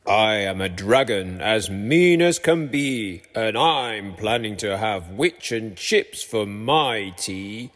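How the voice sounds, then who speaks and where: A man voicing a mean, hungry dragon with a low growl and slow, drawn-out menace, in a storybook reading. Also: expressive, fairly bright tone, heavily acted. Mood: menacing. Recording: long hall-like reverb.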